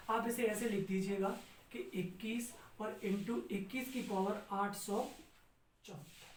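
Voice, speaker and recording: Man teaching math in a roomy space. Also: sits high. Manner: asks the class questions and answers them himself; steady, step-by-step explaining. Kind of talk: exam-prep math lesson. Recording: roomy sound, distant mic, faint noise.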